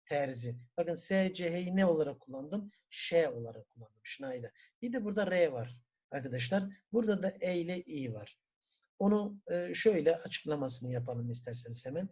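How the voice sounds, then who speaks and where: A man with a Turkish accent teaching a German class, asking the students questions, answering them himself and repeating words slowly for pronunciation. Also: on the high side, animated, darkish tone, slightly rough. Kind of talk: classroom lesson. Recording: dull lo-fi recording.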